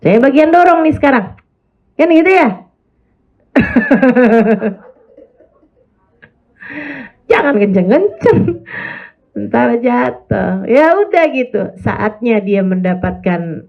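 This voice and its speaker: A woman's voice: fairly high pitch, extremely slow, creaky, long pauses, dull audio. A woman in her forties from Indonesia, giving a religious talk to women and telling stories in which she acts out the voices of the people she quotes. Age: 40s. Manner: animated storytelling, acting out quoted voices. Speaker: preacher.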